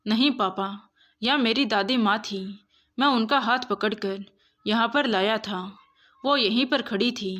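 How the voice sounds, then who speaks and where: A woman's voice: fairly high pitch, measured pace, a bit bright. A woman voicing a small, stubborn boy who pleads insistently in a storybook reading. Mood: pleading.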